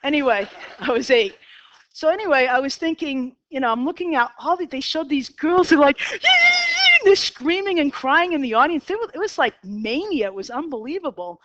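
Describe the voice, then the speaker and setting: A woman's voice: high-pitched, lively intonation, a little fast, no room sound, highs cut off. A woman in her fifties with a Boston accent, teaching a college math class in a chatty style, asking students questions and going off on tangents. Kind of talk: classroom lecture.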